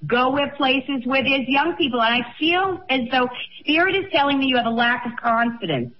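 Woman in her sixties, radio co-host, emphatic, encouraging, high voice, muffled sound. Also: animated, normal speed. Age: 60s. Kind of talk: call-in radio advice.

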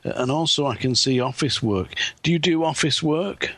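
Male call-in psychic host, mid-pitched, dry sound, halting probing delivery. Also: a bit bright, dry recording. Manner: halting, repeats words while probing. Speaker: psychic radio show host giving readings. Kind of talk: live call-in radio psychic reading.

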